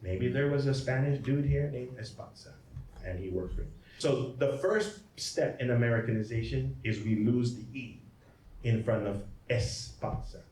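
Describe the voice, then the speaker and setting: A man's voice: medium pitch, moderate pace, a little mellow. A man, a priest, giving a lecture at a symposium in a jokey, digressive way, often checking in with his audience by asking "okay?" and "right?". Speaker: priest giving a genealogy talk. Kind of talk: lecture presentation. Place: hall at a symposium. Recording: echoey hall, from far off, faint noise.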